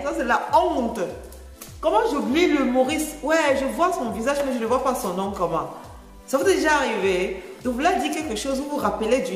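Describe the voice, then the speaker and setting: A woman's voice: fairly high pitch, reverberant, in a large hall. A woman from Cameroon with a Cameroonian French accent, chatting casually as a vlogger, explaining and repeating phrases and laughing often.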